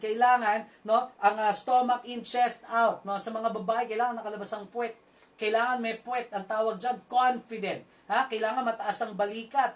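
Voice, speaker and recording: Filipino lady coaching networkers, kinda high voice, emphatic, keeps going okay? no?. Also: poor audio. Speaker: networking trainer. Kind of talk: motivational training talk.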